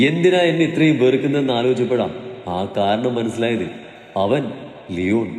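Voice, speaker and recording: A man's voice: medium pitch, natural voice. A man playing a menacing, obsessive young man. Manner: soft and coaxing, then sudden shouts. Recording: echoey room with long reverb, faint music.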